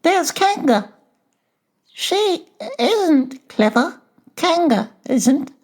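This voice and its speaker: A man voicing a small, timid, anxious piglet in a children's storybook, fretful and forlorn, with a halting delivery. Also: very high voice, very animated, voice pushed up, heavily acted. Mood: wistful, musing. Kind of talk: dramatized children's audiobook character voice.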